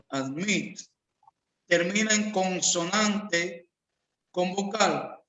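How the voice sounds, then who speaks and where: A man with as his teaches a grammar lesson, drawing out each word and repeating examples. His voice sits high and sounds bright. He speaks very slowly in a roomy, echoing space. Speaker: English teacher. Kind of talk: slow classroom grammar lesson.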